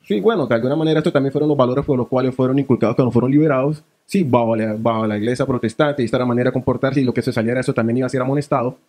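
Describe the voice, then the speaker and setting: Fast-talking man with an island Spanish accent. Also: mid-range voice, darkish tone. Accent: San Andrés Archipelago Spanish. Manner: rapid, searching speech that switches between Spanish and island creole English. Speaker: panelist. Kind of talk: panel discussion.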